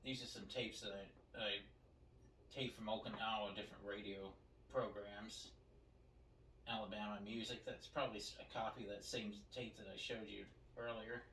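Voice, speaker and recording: With a lowish, level, fairly bright voice at normal speed, an older video host displays his cassette tape collection at home. The audio is poor with faint background noise, and his casual narration rambles with frequent restarts and repetitions.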